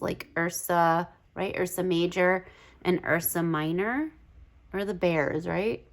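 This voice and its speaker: Woman going through her tarot deck real slow and low, chatty and gushy, says like a lot, sometimes whispers. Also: gravelly, fairly bright tone. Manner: chatty, gushing, many "like" fillers. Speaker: tarot video creator. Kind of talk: casual deck walkthrough.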